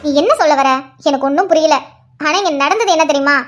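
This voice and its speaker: A woman's voice: high-pitched, faint music behind, natural voice. A woman voicing a sly, defensive, scheming aunt in a family cartoon. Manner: sly, self-pitying, quick. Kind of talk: cartoon voice acting.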